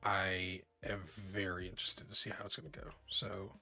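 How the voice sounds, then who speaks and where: A man's voice: deep voice, completely flat delivery, moderate pace, sharp tone. A man streaming a tabletop game, chatting casually and rambling through the week's plans, with some swearing.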